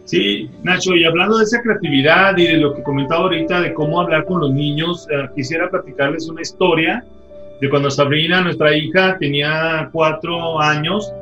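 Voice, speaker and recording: A man co-hosting a talk show, telling a story in an animated way and acting out the dialogue he quotes. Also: fairly high pitch, normal speed, reverberant, soft background music. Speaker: co-host.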